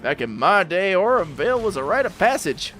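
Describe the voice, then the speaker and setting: A man's voice: sits high, very animated, fairly quick, fairly bright tone, soft background music, pitched above the performer's own voice. A man doing a hammy old man reminiscing, alternating between two different old-man voices during a gaming stream.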